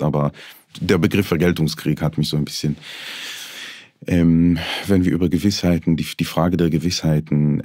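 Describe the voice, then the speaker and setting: A man in his forties from Israel, an author talking in a studio podcast, pausing often and searching for words. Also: a bass voice, warm tone, no room sound. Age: 40s. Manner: halting, searching for words, many fillers. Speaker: author, guest. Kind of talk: thoughtful podcast conversation. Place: small studio. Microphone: desk microphone.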